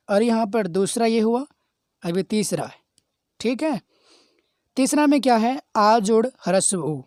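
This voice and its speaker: Man teaching a grammar revision class, mellow tone, dry close sound, asks and answers his own questions. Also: sits high, no echo. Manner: keeps checking understanding with quick questions.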